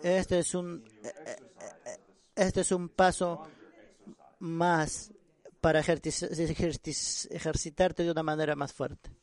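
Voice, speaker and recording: A man preaching a sermon on prayer, earnest and halting, often repeating and restarting words. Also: fairly high pitch, flat delivery.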